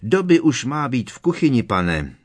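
A man voicing an eager male house-elf servant who shrieks in a squeaky voice and talks about himself in the third person. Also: very animated.

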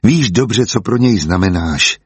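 A man reading the part of a caring mother who gently coaxes her daughter, in his own voice. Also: on the low side, lively intonation, breathy edge, dry recording. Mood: coaxing. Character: caring mother, adult woman, gently persuasive.

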